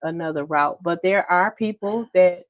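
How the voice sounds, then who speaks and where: Low-voiced woman, earnest and preachy. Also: no echo, highs cut off. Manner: earnest, preachy, drawn-out emphasis. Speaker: podcast co-host. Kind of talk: casual advice chat.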